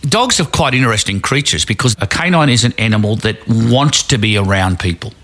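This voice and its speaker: A man's voice: lowish voice, lively intonation, brisk, a bit bright, dry recording. A man, a dog trainer explaining his methods in a plain, down-to-earth way while working outdoors. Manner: down-to-earth, storytelling with acted-out quotes.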